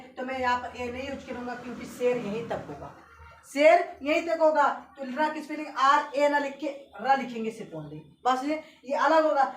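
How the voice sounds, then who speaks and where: A woman teacher giving a classroom lesson, spelling out letters slowly and often checking that her students follow. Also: high voice, a bit bright. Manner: repetitive, keeps checking students understand. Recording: echoey room from far off, faint hiss.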